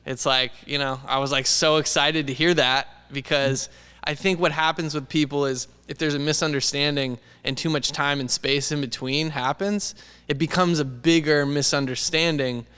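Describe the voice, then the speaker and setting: A man co-hosting a casual podcast chat in an animated, reflective, informal way. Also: on the high side, moderate pace, clear, resonant tone, in a large hall. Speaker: podcast co-host; video editor. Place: indoors.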